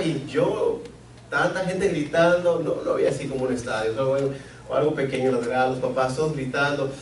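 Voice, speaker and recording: A man's voice: a little high, slight background noise. A man from Mexico preaching a sermon as pastor, earnest and repeating key phrases for emphasis. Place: church sanctuary. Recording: echoey church, mic at a distance.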